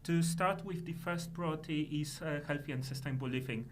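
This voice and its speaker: A middle-aged Polish man with a Polish accent, working as a sustainability manager, answers interview questions in halting, measured phrases. His voice is fairly high-pitched, and there is slight background noise.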